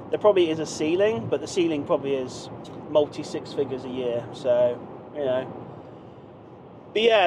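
A man, talking casually to camera while driving, rambling with many fillers and restarts. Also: fairly high pitch. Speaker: vlogger, online seller. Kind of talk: casual driving vlog monologue. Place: inside a moving car. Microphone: dashboard camera mic. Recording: car interior with clear road noise. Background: road and engine noise.

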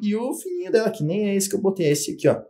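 A man's voice: sits high, sing-song, fast. A man who teaches music, patiently explaining instruments and giving instructions on a podcast. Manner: patient, instructive, confirms often with "exatamente". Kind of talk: casual chat.

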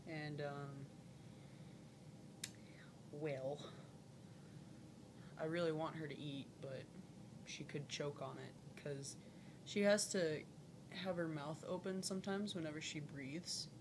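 A young woman with a fairly low voice talks casually as a pet owner in a home vlog. She rambles at an unhurried pace and breaks off to coo at her animal. The webcam audio carries some faint noise. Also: fairly even intonation. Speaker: pet snake owner vlogging. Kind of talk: casual vlog chat to camera. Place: small lamp-lit room at home. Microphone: webcam or laptop mic at arm's length.

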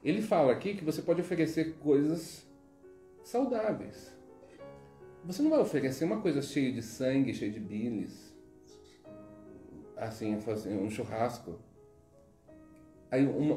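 A man's voice: mid-range voice, animated, normal speed, pauses often, dark tone. Chatty Brazilian man teaching with stories. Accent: Brazilian Portuguese. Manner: chatty, digressive, frequent tag questions. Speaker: spiritual teacher. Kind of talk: informal teaching with storytelling. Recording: roomy echo, faint music.

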